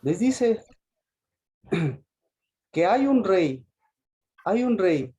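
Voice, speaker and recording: Husky preacher man, halting delivery. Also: high voice, sing-song, warm tone. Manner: halting, repeats and restarts phrases, rhetorical questions. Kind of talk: sermon.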